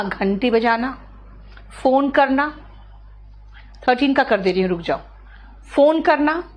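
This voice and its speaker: A woman teacher, lecturing an online class, checking often whether students follow and calling on them by name. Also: high voice. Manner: explains slowly, checks often with "clear?" and "है ना". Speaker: English teacher.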